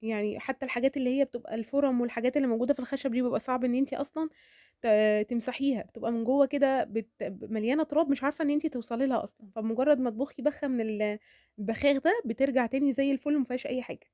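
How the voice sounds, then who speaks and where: A woman with an Egyptian accent chatting to her viewers as a home vlogger, talking fast with prayers and laughs. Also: high-pitched, no echo, studio quality. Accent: Egyptian Arabic. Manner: rapid, warm-hearted chatter with prayers and frequent laughs.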